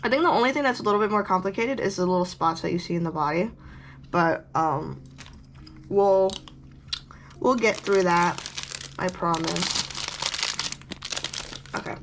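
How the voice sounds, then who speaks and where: A woman's voice: fairly low pitch, moderate pace, long pauses, slight background noise. A woman casually talking through a craft tutorial step by step, rambling and correcting herself, chewing gum as she talks. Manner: chatty, rambling, self-correcting asides.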